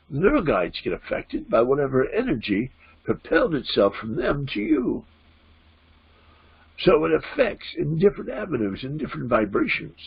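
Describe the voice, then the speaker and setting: A solemn spirit teacher, channeled by a man in trance, speaks in deliberate, halting phrases. The voice is gravelly and breathy-rough, rising and falling widely as it offers gentle, formal guidance. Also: mid-range voice, full character voice. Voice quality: husky, creaky. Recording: dull, lo-fi sound.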